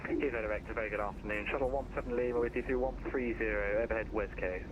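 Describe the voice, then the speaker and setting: A low-voiced man speaks as a pilot over a headset radio. He reads back clearances quickly in clipped phrases, with clear noise on the transmission. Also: steady tone, muffled recording.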